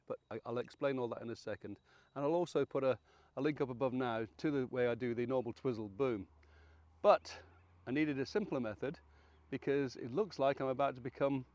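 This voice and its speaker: This casual rig demonstration comes from a fishing channel host around seventy whose medium-pitched, darkish voice is hoarse and croaky from being sick. He talks in a folksy, chatty way, poking fun at himself, and the recording is dry.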